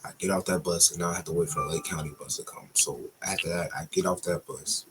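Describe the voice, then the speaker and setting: A man's voice: low voice, fairly even intonation, fast talker, background noise. A young man casually telling a long storytime, slangy and profane, with a loose, rambling delivery.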